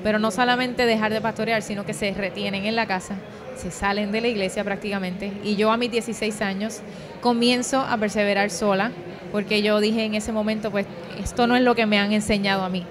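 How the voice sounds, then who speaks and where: Talking fairly quickly in a steady, mid-range voice, a young Puerto Rican woman shares a personal testimony in an interview, sounding earnest yet hesitant as she holds a handheld mic. The conversation takes place at a convention booth amid the chatter of the event crowd.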